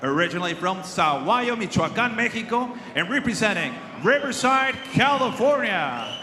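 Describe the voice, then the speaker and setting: A man's voice: high voice, big pitch swings, normal speed. A man working as a boxing ring announcer in a showy lucha libre announcer manner, drawing out and belting names over an echoey arena PA. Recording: echoey arena PA, background noise.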